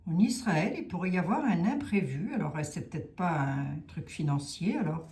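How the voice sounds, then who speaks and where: A woman with a Lorraine French accent reads tarot in a casual, musing way, her pitch rising and falling a lot as she thinks aloud. Her voice is mellow and fairly low, and the room gives it a noticeable echo. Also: expressive, normal speed. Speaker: tarot reader. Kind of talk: casual tarot reading livestream.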